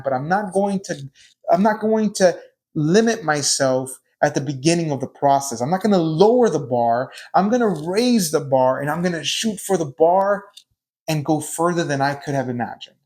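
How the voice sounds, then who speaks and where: A man's voice: a little high, animated, normal speed, a little mellow. A man in his thirties hosting a solo motivational podcast, earnest and repetitive, firing off rhetorical questions to his listeners. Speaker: podcast host.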